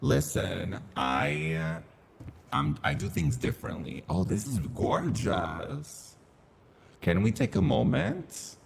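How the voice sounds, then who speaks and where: A man's voice: low voice, very animated, slow, vocal fry, a little hiss or hum. A man streaming a game through a voice changer, chatting casually and campily with his viewers. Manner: chatty, campy, playful. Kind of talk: casual live-stream commentary.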